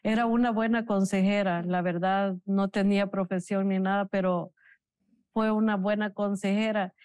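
A woman giving an emotional, halting personal testimony in an interview, earnest and religious. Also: mid-range voice, steady tone, a little mellow, clear, resonant tone, no echo. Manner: emotional, slow, halting storytelling. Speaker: interview guest, bereaved mother.

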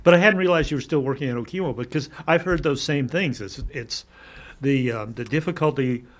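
A man's voice: medium pitch, brisk. An older man hosting a casual interview in a TV studio, agreeable and chatty at a desk mic. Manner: chatty, agreeable, frequent yeahs. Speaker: host. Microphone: desk microphone on stand.

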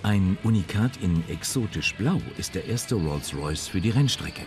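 A very deep male voice reads a polished documentary script, his pitch rising and falling with lively emphasis. He sounds measured and informative, with music running clearly beneath him. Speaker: narrator. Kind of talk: scripted magazine narration.

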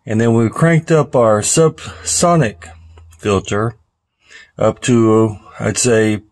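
In a casual car audio vlog, a middle-aged man talks through hands-on installs and reviews, thinking aloud as he works. His voice is lowish and darkish, his pace slow, and the garage, car, and house settings give the recording a roomy echo.

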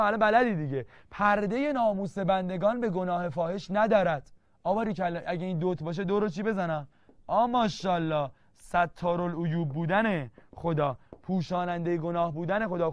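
In a playful, teasing exam-prep literature lesson, a man with a high-pitched voice drills key terms by repeating them over and over. The recording is dry and dull lo-fi, with no room sound.

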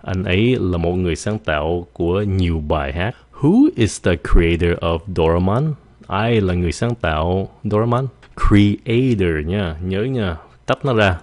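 A man with a very low voice teaches English vocabulary in a relaxed, chatty way. He stretches each English word out slowly for practice, then explains it quickly in his own language. The sound is dry and close. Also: no echo. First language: Vietnamese. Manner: repeats words slowly to drill pronunciation, then switches to quick explanation. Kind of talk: casual teaching in Vietnamese with English examples.

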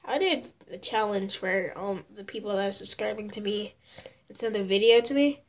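A woman's voice: medium pitch, normal speed, a little hiss or hum. A teenage girl talking casually and rambling to a tablet camera at home while vlogging. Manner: chatty, giggly, rambling. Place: home kitchen and bedroom. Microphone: tablet camera at arm's length.

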